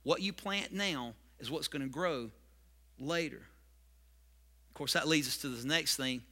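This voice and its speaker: Pastor guy preaching, pretty high voice, repeats himself and builds up loud. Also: unhurried. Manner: repetitive, emphatic, building to loud emphasis. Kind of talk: sermon.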